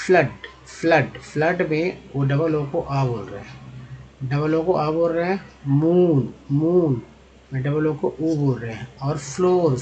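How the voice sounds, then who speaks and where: A man's voice: a little high, a little mellow. Hindi-speaking man teaching English vowels. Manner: repeats example words slowly, often adds "है ना"; addresses viewers as friends. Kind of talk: spoken lesson.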